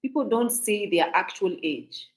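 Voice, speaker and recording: Woman, Kenyan accent, gossip commentary, talkative, emphatic, slips in Swahili, average pitch. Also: lively intonation, a little slow. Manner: talkative, emphatic, repeats and restarts phrases; mixes in Swahili phrases. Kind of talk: casual commentary to viewers.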